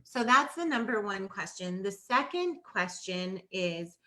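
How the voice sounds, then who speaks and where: Bright-voiced woman in her forties. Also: mid-range voice, big pitch swings, unhurried. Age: 40s. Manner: earnest, explanatory, thinks aloud with restarts. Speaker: host of a fertility Q&A. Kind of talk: live-streamed advice talk.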